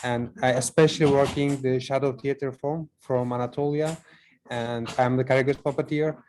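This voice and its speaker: A man from Turkey with a Turkish accent, introducing himself as a puppeteer in an online meeting, speaking haltingly in non-native English. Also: medium pitch, steady tone, background noise.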